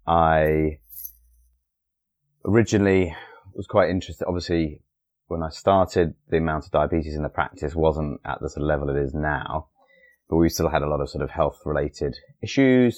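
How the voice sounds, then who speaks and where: A middle-aged family doctor from Essex, England, appears as a guest and answers interview questions in a conversational way. He has a bass voice and a moderate pace, and he often hesitates and rephrases mid-thought.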